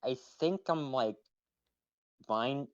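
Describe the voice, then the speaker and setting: A man's voice: mid-range voice, slow, dry recording. Hesitant man over dull, lo-fi voice chat. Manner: hesitant, full of "like" and restarts. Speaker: fellow player. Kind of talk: casual gameplay chat.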